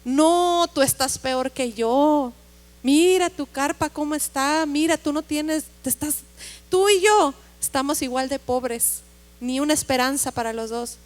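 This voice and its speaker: A poor, desperate woman speaks in a high voice, as a woman preacher acts her out in a sermon story. Her voice is pleading or scornful, and it echoes in a big church. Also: measured pace. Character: desperate poor woman, mocking, then hopeful.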